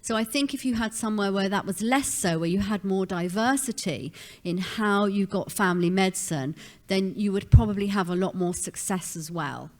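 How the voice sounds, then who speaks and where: A woman's voice: medium pitch, moderate pace. A woman, a professor giving a conversational academic presentation at a seminar.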